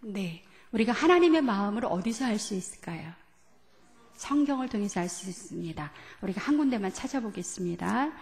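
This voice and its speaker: A woman's voice: mid-range voice, lively intonation, a little fast, gravelly, a little mellow. Woman pastor teaching in an echoey hall. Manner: asks the congregation questions and leads group reading. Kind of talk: sermon lecture. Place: church sanctuary.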